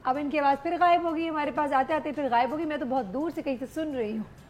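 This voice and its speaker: A woman hosts a live morning TV show and takes phone calls in an upbeat way. Her voice sits high, and a faint music bed plays behind her. She slips English phrases into her talk. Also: a little mellow. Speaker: host. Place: TV studio.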